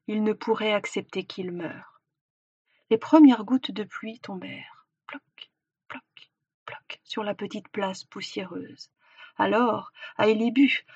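A woman reading a storybook aloud with expressive narration that slows for effect. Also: mid-range voice, breathy edge, dry recording. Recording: dull, dry recording.

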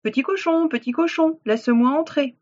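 A woman voicing a sly, hungry male wolf in a children's storybook reading, coaxing and drawing out his threats slowly. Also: high voice, darkish tone, lo-fi sound, voice pushed up, natural voice. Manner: coaxing, then slow drawn-out threats.

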